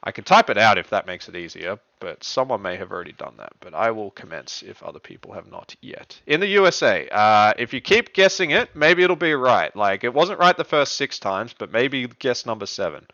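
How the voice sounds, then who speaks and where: A young man hosting a riddle contest on a live stream, chatty and excitable, laughing often. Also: lowish voice, a little fast, few pauses, no echo, muffled recording. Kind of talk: casual live-stream chat.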